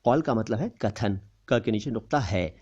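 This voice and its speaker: A man giving a pronunciation lesson, saying each word slowly and repeating it to contrast the right and wrong sounds. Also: on the low side, animated, a little mellow, husky, highs cut off. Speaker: language teacher.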